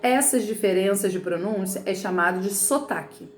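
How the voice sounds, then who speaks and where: A woman's voice: mid-range voice, normal speed, echoey room. A woman teacher from Rio de Janeiro with a Carioca accent, explaining a textbook lesson in a chatty way and often checking in with her students. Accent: Carioca Portuguese. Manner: chatty, explanatory, frequent "né" and "tá bom". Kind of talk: remote lesson reading from a textbook.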